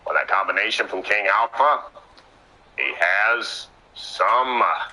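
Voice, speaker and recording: Excitable male wrestling commentator, bright-voiced. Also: on the low side, poor audio. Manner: excitable, trips over words and laughs at himself.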